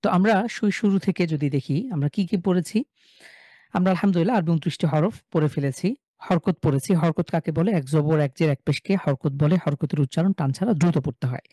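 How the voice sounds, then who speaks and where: Bangladeshi man teaching, dark dry voice. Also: on the high side, dry recording. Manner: explains in a relaxed way with many fillers, chants example syllables slowly. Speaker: Quran recitation teacher. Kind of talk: live online lesson.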